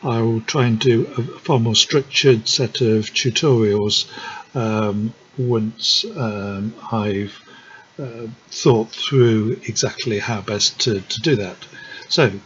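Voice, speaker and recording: A man talking through a software tutorial in a hesitant, friendly way, with many ums and restarts. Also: lowish voice, steady tone, takes it slowly. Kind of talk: unscripted screen-recording tutorial. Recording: dull lo-fi sound with faint noise.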